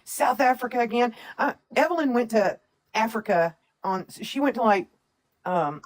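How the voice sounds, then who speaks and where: A woman's voice: on the high side, normal speed. A woman, chatting casually as a livestream co-host and reading out where viewers are from. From Tennessee, USA. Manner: chatty, reads out viewer comments.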